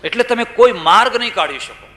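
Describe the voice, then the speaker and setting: Male preacher, bright voice, storytelling sermon with rhetorical questions, echoey room. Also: high-pitched, expressive, a little fast. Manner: storytelling, rhetorical questions, acts out quoted people. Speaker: swami giving a religious discourse.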